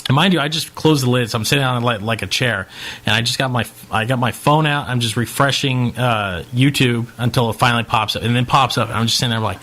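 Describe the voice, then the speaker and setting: A man co-hosting a podcast in casual chat, an excitable storyteller who acts out quotes. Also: mid-range voice, fast talker. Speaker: podcast co-host.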